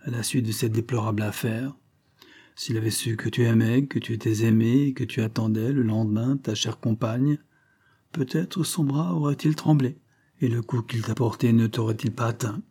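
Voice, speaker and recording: A man's voice: medium pitch, moderate pace, dark tone, breathy edge, close to an everyday voice. A man reading a grieving, tearful suspect. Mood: mournful. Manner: heartfelt, mournful, tearful pleading. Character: grieving man, once accused of murder, emotional. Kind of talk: audiobook reading of a novel.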